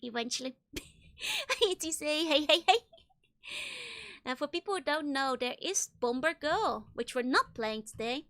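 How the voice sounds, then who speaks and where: A woman livestreamer chatting casually with viewers in a bubbly, giggly, gushing way, with a high-pitched bright voice. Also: animated, moderate pace. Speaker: streamer, virtual YouTuber host.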